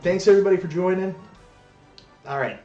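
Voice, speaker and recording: On his live stream, a lightly accented Canadian in his forties greets viewers by name, chats easily and jokes about his own skills in a self-deprecating way. He speaks briskly in a high, warm voice. The sound is lo-fi with faint music behind.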